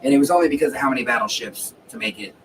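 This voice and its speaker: A man's voice: mid-range voice, rapid-fire, a bit bright. A man hosting a casual livestream who rambles and corrects himself as he goes, swearing now and then, while fighting the hiccups. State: has the hiccups. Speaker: livestream host. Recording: distant mic with faint background noise.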